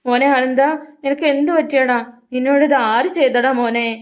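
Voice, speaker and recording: A woman voicing a frantic old village mother, wailing in high, loud grief. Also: fairly even intonation, moderate pace, lightly acted. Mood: anguished. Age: older.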